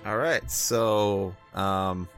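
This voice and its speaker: Low, gravelly, slow-talking man. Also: steady tone, a bit bright, soft background music. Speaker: player. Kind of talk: tabletop game play.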